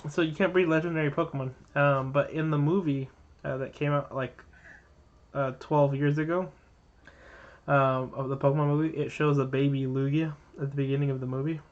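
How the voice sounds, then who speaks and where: A man's voice: fairly high pitch, steady tone, brisk. A man co-hosting a live game stream who rambles through trivia explanations, full of uh and um. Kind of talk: casual chat and trivia explaining. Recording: dull lo-fi mic.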